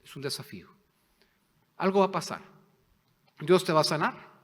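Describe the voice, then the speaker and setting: A man preaching a sermon as pastor, impassioned, swinging between loud declarations and hushed, near-whispered prayer. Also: on the high side, moderate pace. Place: church sanctuary. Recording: long hall reverb.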